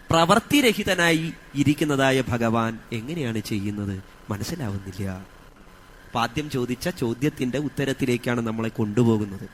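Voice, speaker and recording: A man with a Malayalam accent giving a religious discourse on scripture, chanting verses slowly and asking his listeners rhetorical questions. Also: medium pitch, a bit bright, slight background noise. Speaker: scripture teacher.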